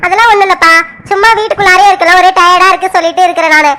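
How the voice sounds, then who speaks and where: A woman plays a stubborn young village daughter in a cartoon family serial, brushing off her father and defending the man she wants to marry. Her voice is very high and bright, and she talks fast. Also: steady tone. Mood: dismissive. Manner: pleading, defensive, quick replies.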